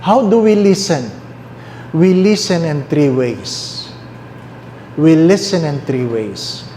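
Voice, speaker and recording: Filipino priest guy preaching, slightly high voice, roomy echo, faint hum behind. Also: lively intonation, mellow. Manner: mixes English and Tagalog, asks the listeners questions; repeats key phrases slowly. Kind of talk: sermon.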